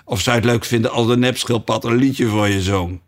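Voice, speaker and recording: A man voicing an impatient, bossy gryphon with loud, abrupt calls in a storybook reading. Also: medium pitch, fairly even intonation, a little fast, lightly acted. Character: brusque impatient male gryphon.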